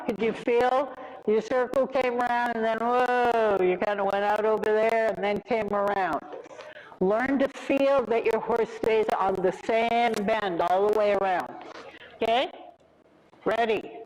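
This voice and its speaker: A riding instructor coaching a live lesson with brisk, short instructional commands. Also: medium pitch, rough recording.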